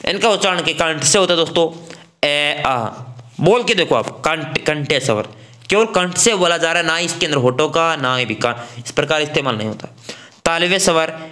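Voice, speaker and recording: A man's voice: on the high side, animated, moderate pace, pushed and bright. A man teaching an online exam-prep grammar class from Rajasthan, talking casually to students as friends and sounding out vowel examples.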